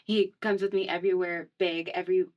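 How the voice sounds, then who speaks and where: In a radio studio, a young Miami woman appearing as a singer gives a casual conversational interview, her talk rambling, full of fillers and broken up by frequent light laughs. She has a lowish voice with a flat delivery, speaks fairly quickly, and the recording's highs are cut off.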